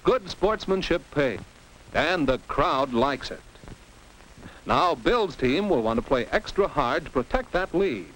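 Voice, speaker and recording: Lively in intonation and a little slow, a man's fairly bright voice on the high side narrates a 1950s educational film for teenagers. The American narrator is scripted and didactic, asking questions and exclaiming like a commentator, and the old soundtrack is noisy.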